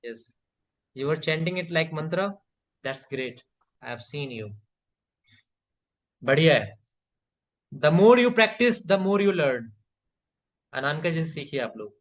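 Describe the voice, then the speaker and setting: A man's voice: a little high, a bit bright. A man teaching a live online spoken English class, patiently repeating phrases for learners to echo and praising students by name.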